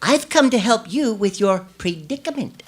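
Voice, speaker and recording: A woman's voice: fairly high pitch, expressive, normal speed, husky. A woman voicing a street-smart, wisecracking small bird with a slangy, tough-talking manner, in an audio drama.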